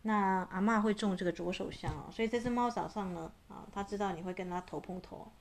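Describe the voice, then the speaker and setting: A woman's voice: mid-range voice, a little fast, slight background noise. A woman, a voice coach talking casually to her audience, chatty and full of filler particles. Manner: chatty, many filler particles, imitates cat meows. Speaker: voice and astrology coach.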